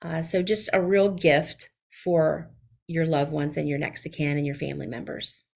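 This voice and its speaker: A woman's voice: sits low, little pitch movement, normal speed, creaky, darkish tone. A middle-aged woman with a Southern US accent, speaking as a guest in a podcast interview, with many fillers and restarts. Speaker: guest, CPA.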